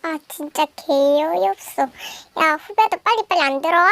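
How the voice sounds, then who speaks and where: A woman's voice: extremely high pitch, normal speed, vocal fry, dry recording, pitched above the performer's own voice, heavily acted. A young female voicing a bossy, arrogant schoolgirl bully leader who scolds and threatens her juniors. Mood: scolding. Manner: scolding, demanding, then shouting. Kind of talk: amateur role-play skit.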